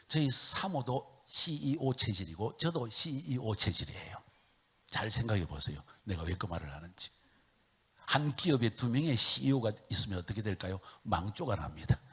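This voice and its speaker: A middle-aged man preaching a sermon as a missionary, swinging from hushed whispers to loud calls, having the congregation repeat lines, and acting out his own tearful prayers. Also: medium pitch, breathy edge.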